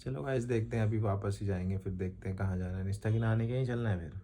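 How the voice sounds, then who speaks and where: A man vlogging at home, talking to viewers and gently soothing his crying wife. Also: fairly low pitch, fast talker, slight background noise. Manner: soothing, pleading softly. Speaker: vlogger, father. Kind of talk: casual family vlog. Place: home, indoors.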